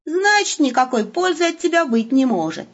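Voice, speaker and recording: A woman reading an audiobook and voicing a blunt, quick-tempered young man known as the Wolf. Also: sits high, sing-song, voice pushed up. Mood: gruff. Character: blunt, grumpy young male companion called the Wolf. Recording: muffled lo-fi recording.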